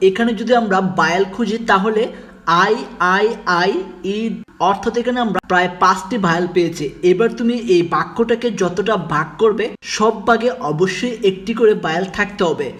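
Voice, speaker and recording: High-pitched man explaining pronunciation. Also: fairly bright tone. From Bangladesh. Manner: measured, explaining step by step. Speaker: English pronunciation teacher. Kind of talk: scripted instructional narration.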